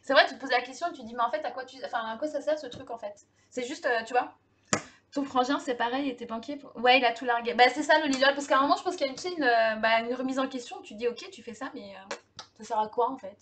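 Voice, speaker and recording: A woman's voice: sits high, quick pace, a bit bright, slight background noise. A woman in her thirties hosting a live cooking stream, chatting casually with viewers, laughing often and full of fillers and restarts. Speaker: livestream host cooking.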